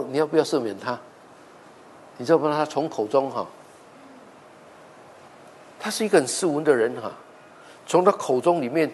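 Pastor telling a story in a hall. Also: male voice, mid-range voice, a little hiss or hum. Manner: animated storytelling, acting out quoted dialogue. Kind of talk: sermon storytelling.

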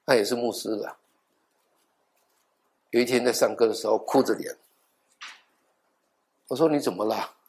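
A man's voice: medium pitch, normal speed, pauses often. Middle-aged pastor guy preaching, tells stories, plays out both sides of the talk, jokey asides, drops english words in. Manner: animated, acts out dialogue, half-joking asides. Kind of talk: sermon with storytelling.

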